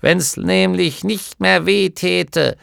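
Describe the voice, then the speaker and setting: A man doing a shrill, bossy old gnome woman. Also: vocal fry, a bit bright, smooth, no echo, studio quality, full character voice. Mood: scolding. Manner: scolding, brisk and nagging. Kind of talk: audiobook character voice.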